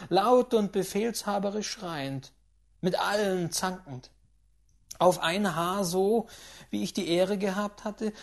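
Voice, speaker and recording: Calm female audiobook narrator. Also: fairly low pitch. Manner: measured, calm literary reading. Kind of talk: scripted narration.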